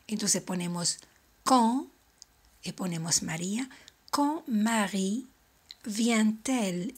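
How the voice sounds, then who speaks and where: A woman teaching a French lesson, explaining grammar and slowly repeating model phrases for learners. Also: medium pitch, husky. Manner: slow, carefully articulated model phrases, each repeated. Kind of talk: language lesson.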